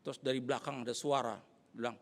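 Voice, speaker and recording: A middle-aged man preaching a sermon as pastor, telling stories with lively, animated delivery. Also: mid-range voice, quick pace. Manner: animated storytelling, acting out angry shouts. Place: church hall. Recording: echoey church hall.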